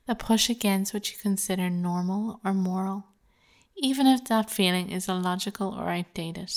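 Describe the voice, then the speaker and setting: Female hypnosis narrator, mid-pitched and gravelly with fry, measured, soothing and persuasive delivery. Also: a little mellow.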